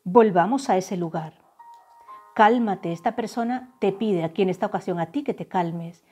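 A woman from giving a tarot reading to her viewers, saying the messages she channels slowly and softly. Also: mid-range voice, slightly rough. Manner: slow, soft, drawn-out channeled phrases. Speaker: tarot reader. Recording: faint background music.

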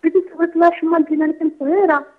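A woman's voice: very high voice, fairly even intonation, rapid-fire. Woman on a garbled phone line. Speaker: caller. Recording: muffled distant phone call.

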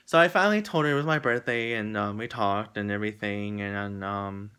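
A young man telling a story casually to his viewers, rambling and acting out what people said, his pitch jumping up high when he gets excited. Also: fairly quick, clean tone. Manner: animated, rambling, acts out quotes with jumps in pitch. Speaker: vlogger.

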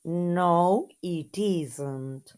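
Argentine woman teacher, unhurried and patient, a touch low, keeps checking in. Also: darkish tone, faint music behind. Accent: Argentine Spanish. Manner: slow, patient, repeats words and adds checking "¿mm?". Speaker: English teacher. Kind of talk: slow lesson review for children.

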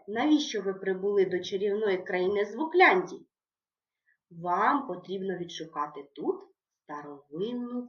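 A woman voicing an eager young female cartoon helper in a high, sing-song voice, guiding children through a writing task. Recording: echoey room, dull lo-fi sound.

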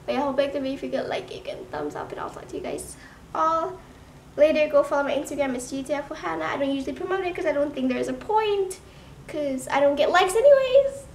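A woman's voice: high-pitched, fast, darkish tone, recorded from a distance, a little hiss or hum. A young woman chatting casually in a vlog, sarcastic and mock-offended as she calls out trolls. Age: young adult. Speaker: YouTuber reacting to hate comments. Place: bedroom, indoors. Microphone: camera mic at a distance. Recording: roomy, off-mic, music behind.

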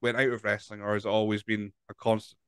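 A man's voice: fairly low pitch, flat delivery, fast, fairly bright tone, clean tone, no echo. A Scottish man in his thirties hosting a podcast interview over a video call, chatty and stumbling over repeated words. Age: 30s. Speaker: podcast host. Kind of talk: casual interview chat. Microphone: large studio mic with headphones.

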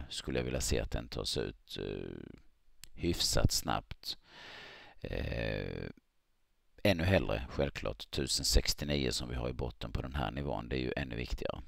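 A man walking through stock charts in a halting screen-recorded analysis, with many fillers as he thinks aloud. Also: a bass voice, gravelly, no room sound, studio quality. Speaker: market analyst.

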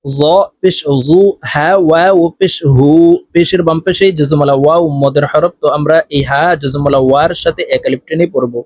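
A man teaches Quran reading, spelling out each letter and vowel before chanting the words slowly and drawn-out, with brisk explanations in between. His voice is slightly high and steady in tone, and the recording is dry.

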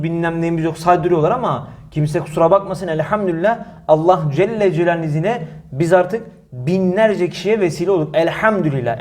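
Young man, high voice, emphatic preacher, rhetorical questions, repeats himself. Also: a little mellow. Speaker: mosque preacher answering a critic. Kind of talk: heated religious talk, defensive. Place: mosque.

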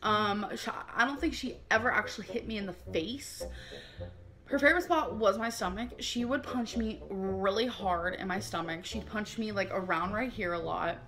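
A woman's voice: medium pitch, moderate pace, crowd noise. A woman talking casually on a livestream, rambling and leaning on the word "like". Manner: rambling, heavy use of filler "like".

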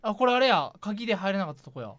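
A woman's voice: medium pitch, very animated, quick pace. A woman giving casual commentary while playing a horror game.

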